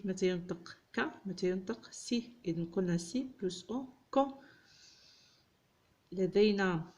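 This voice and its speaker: A woman giving a tutorial lesson as a teacher, sounding out French syllables slowly and clearly. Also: mid-range voice, warm tone.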